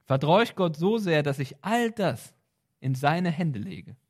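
A man giving a reflective devotional talk, earnest and thoughtful, with small hesitations, slipping into quiet prayer. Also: a little high, lively intonation, a little slow, slightly rough. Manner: drops into quiet, soft prayer. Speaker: devotional speaker.

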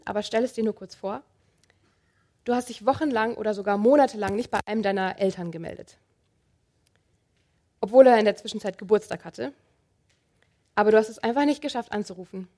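Woman, sermon, earnest, direct address, mellow dark tone, fairly high voice. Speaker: preacher. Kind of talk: sermon with Bible reading.

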